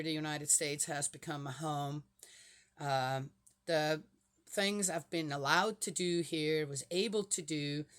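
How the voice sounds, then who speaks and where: A woman's voice: low-pitched, a bit bright. A woman, talking casually to viewers in a rambling way and firing rhetorical questions at them. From Switzerland. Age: 60s. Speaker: vlogger reading the Bible. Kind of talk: casual chatty monologue.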